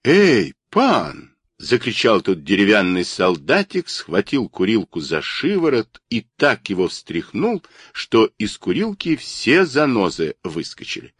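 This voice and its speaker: A man narrating a fairy tale in a theatrical, expressive storytelling manner. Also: on the low side, unhurried, hardly any pauses, breathy edge, dry recording, studio quality.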